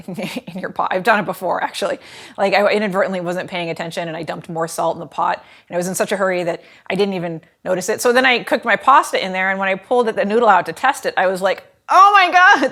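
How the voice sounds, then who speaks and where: A cooking show host in her thirties leads a casual lesson from her home kitchen, chatty and animated and leaning on lots of fillers. Her voice sits in the mid range.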